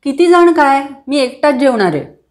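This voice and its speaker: Woman doing a brash young man, stubborn, taunting, high-ish storybook voice. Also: sing-song, moderate pace, darkish tone. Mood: cocky. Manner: cocky and insistent. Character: boastful, stubborn young man making a bet.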